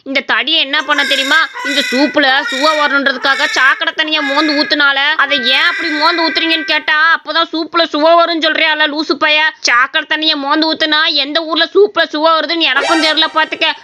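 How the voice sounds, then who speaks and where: A woman's voice: sits high, level tone, a little fast, hardly any pauses, noisy background, close to an everyday voice. A woman voicing a cheeky, bossy young village man in a cartoon. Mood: explaining. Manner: bossy, mocking. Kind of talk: cartoon voice acting.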